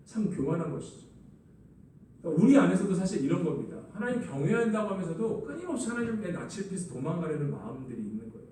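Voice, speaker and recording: A man's voice: high-pitched, sing-song, fast, dark tone, recorded from a distance, a little hiss or hum. A man preaching a sermon as a pastor, acting out the lines he quotes. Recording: echoey hall, voice from afar.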